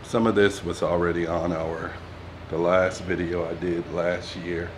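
A man's voice: low-pitched, level tone, measured pace, noisy background. A man giving a casual walking tour of his house, chatty and rambling with fillers, filmed on a handheld phone camera. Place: inside a two-story house, partly out on a balcony. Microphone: phone camera handheld while walking.

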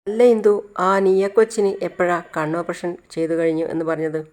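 A woman's voice: lowish voice, a little fast, darkish tone, lightly acted. Nosy middle-aged coworker, insinuating, voiced by a woman. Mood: prying. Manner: prying, insinuating.

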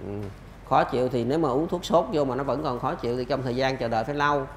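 A man's voice: mid-range voice, fairly even intonation, fast, roomy sound, a little hiss or hum. A man lecturing on pediatrics, answering questions emphatically with rhetorical questions.

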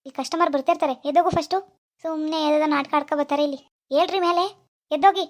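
A woman's voice: sits high, steady tone, rapid-fire, close to an everyday voice. A woman voicing an impatient scolding pawnbroker. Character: irritable male pawnbroker, bossy and scornful. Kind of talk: animated cartoon dialogue.

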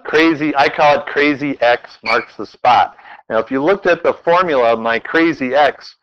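A man's voice: mid-range voice, normal speed, highs cut off. A man teaching a math class in a classroom, working examples aloud and playfully quizzing his students as he goes. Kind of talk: classroom lecture.

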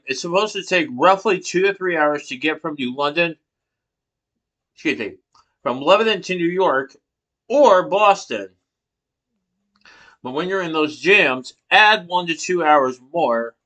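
Speaking into a laptop webcam angled up from below in a small room, a man in his thirties makes a persuasive speech for class, partly read from notes, full of rhetorical questions and emphatic gestures. His slightly high voice is bright and forceful with lively intonation, unhurried, with long pauses. The audio is poor.

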